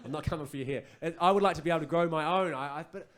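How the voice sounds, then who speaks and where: A man's voice: a little high, very fast. A man with a New Zealand accent performing a stand-up comedy set on a club stage, telling stories and acting out other people's voices. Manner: animated storytelling, acts out voices.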